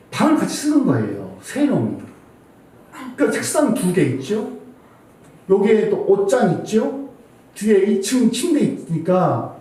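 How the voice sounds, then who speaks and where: A man's voice: sits high, a little mellow. A man in his forties preaching a Sunday sermon in a church hall, telling a family story and acting out his own angry scolding. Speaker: pastor. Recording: echoey hall from far off.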